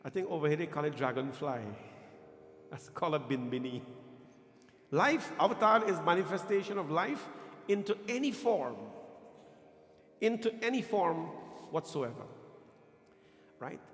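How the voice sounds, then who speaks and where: A man's voice: on the high side, lively intonation, a bit bright. Guyanese man preaching in an echoey hall. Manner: emphatic, deliberate phrasing with questions to listeners. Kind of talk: religious discourse to a congregation. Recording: echoey hall, long reverb, faint music.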